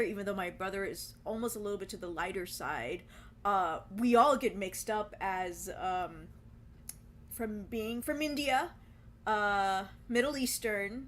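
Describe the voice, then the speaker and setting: A woman's voice: medium pitch, fairly bright tone, slight background noise. A woman hosting an interview, chatting casually, laughing easily and retelling exchanges. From United States. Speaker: interview host.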